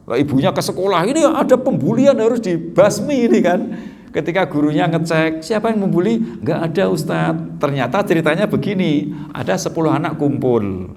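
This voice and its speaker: A middle-aged man giving an Islamic study lecture in a lively, joking way, acting out children's voices. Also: on the high side, normal speed, vocal fry. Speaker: preacher.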